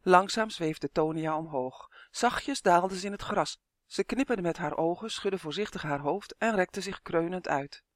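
High-voiced man reading a storybook. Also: a little slow, no room sound. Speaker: audiobook narrator. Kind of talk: children's storybook narration.

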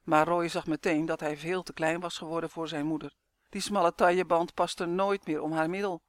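A man narrates a storybook clearly and evenly, with a slightly high voice for his sex. The sound is dry and close, with no room echo. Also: flat delivery, normal speed. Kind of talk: storybook reading.

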